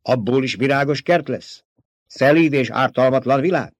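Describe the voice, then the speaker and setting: A man's voice: fairly low pitch, lively intonation, husky, no echo, dull audio. A man voicing a proud older emperor in an audiobook, asking bitter, snarling questions. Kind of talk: audiobook reading.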